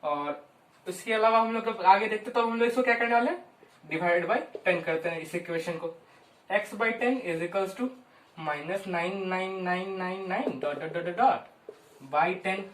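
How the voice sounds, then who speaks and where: A woman walks through a maths proof in a loose, conversational way and keeps checking that her listeners are following. She slows right down on long runs of digits. Her voice sounds roomy and a little distant from the mic. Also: on the low side. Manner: chatty, keeps checking in with "ठीक है" and "हाँ". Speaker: maths teacher. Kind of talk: informal whiteboard lesson.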